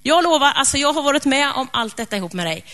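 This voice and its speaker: A woman's voice: high voice, expressive, fairly bright tone, voice pushed up. A woman voicing an impulsive adult male disciple who is loyal but scared, talking earnestly. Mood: earnest vow. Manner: earnest, then flustered denial.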